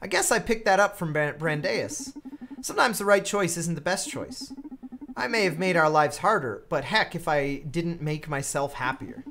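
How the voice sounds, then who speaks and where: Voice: mid-range voice, animated, normal speed, a bit bright, a little hiss or hum. A streamer reading a defiant male club owner. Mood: wry.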